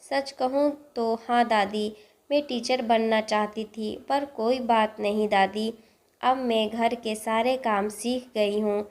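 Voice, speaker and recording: A woman's voice: on the high side, steady tone, slow pace. A woman voicing a sweet, caring granddaughter. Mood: coaxing, caring. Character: caring, innocent young granddaughter.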